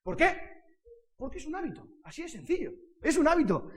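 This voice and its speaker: A man's voice: very high voice, big-room sound. A man from Spain preaching a sermon in church, telling stories animatedly and checking whether the congregation follows. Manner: animated storytelling with quick asides and laughter; asks the congregation if they follow. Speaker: pastor. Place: church hall.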